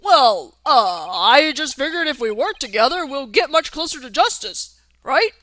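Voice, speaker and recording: A woman voicing an overly helpful male detective in a game dub, loud and keen, sometimes stumbling over words. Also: sits high, sing-song, unhurried, dry recording, exaggerated voice. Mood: evasive. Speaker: let's play voice actor.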